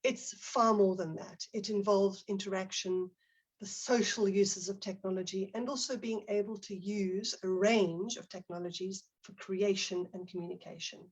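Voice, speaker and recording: Speaking at a normal speed in a steady, husky mid-range voice, a South African woman hosts a live teaching webinar online. She works from a home office near Barcelona, cueing participants and reading out their chat responses in a friendly manner.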